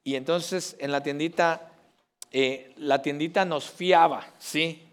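A man from Mexico with a Mexican Spanish accent, a pastor preaching a sermon, swinging between loud emphatic lines and soft, intimate asides. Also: a little high, fairly even intonation, slow.

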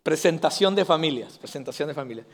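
A man's voice: fairly high pitch, animated, quick pace. A male pastor preaching an earnest sermon to his congregation, building to emphatic declarations.

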